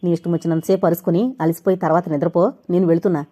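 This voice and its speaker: An angry young husband who drinks snaps back at his wife, loud and curt, as a woman narrator puts him on. The lines come fast and raised over a mellow tone, in an audio novel. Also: fairly low pitch, steady tone, natural voice.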